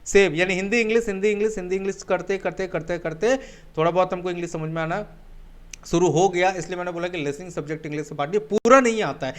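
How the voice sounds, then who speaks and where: Indian man, English coach, quick emphatic webinar delivery, higher voice. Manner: emphatic, repetitive teaching with Hindi-English code-switching. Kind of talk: webinar lecture.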